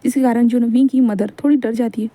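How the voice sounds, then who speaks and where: Dark-voiced woman narrating a fan story. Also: on the high side, steady tone, quick pace. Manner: conversational, with frequent fillers and repeated words. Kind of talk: storytelling narration, voicing all the characters in dialogue.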